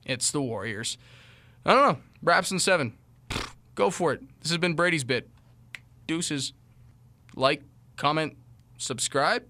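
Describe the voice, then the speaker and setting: A man hosting a comedic sports commentary vlog. He talks in an animated, jokey way and often mocks himself in asides. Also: medium pitch. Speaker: host.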